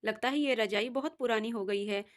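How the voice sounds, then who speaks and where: A woman voicing an elderly, ailing mother who speaks softly and coaxes her daughter, in a storybook reading. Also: a little high, brisk, lightly acted. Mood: gentle.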